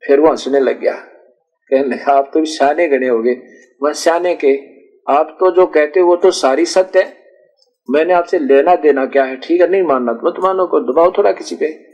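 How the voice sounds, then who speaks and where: On poor-quality audio, a man with a slightly high, somewhat mellow voice preaches at a moderate pace. He tells his sermon as a rustic, conversational story, playing out dialogues and often catching and correcting himself mid-word.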